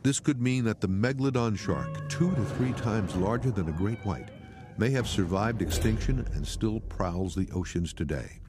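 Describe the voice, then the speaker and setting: A man delivers scripted documentary narration in a low-pitched voice. Clearly audible music runs underneath as he reads. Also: expressive, normal speed.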